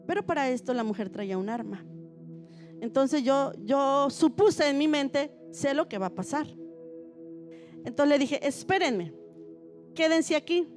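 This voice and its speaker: A middle-aged woman pastor, preaching a sermon in a high voice. She tells her story vividly and then builds into fervent exhortation, with soft music faintly underneath. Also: measured pace, pauses often. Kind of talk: sermon with a personal testimony.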